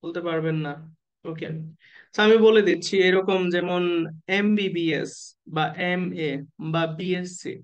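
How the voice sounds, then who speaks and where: A man tutoring nursing exam candidates in an online class, who keeps asking the students questions and slowly spells out letters and abbreviations. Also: high-pitched, fairly even intonation, clean tone, muffled recording. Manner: asks the class questions and waits for answers.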